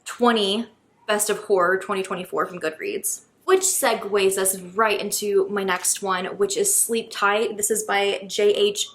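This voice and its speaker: A woman's voice: medium pitch, steady tone, unhurried, a bit bright, slight background noise. A young woman chatting casually through a book review vlog, with lots of ums and likes.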